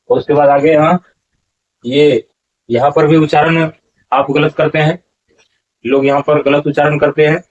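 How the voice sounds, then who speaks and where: A man giving a lesson on correct verse pronunciation, slowly drawing out example words and correcting common mistakes in a repetitive teaching manner. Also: mid-range voice, lo-fi sound. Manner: slow deliberate syllable-by-syllable chanting of examples. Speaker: Gita recitation teacher.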